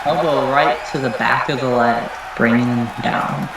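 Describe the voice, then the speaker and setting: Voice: medium pitch, steady tone, moderate pace. A wrestling commentator following the match in a conversational way. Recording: very echoey room, noisy ambience.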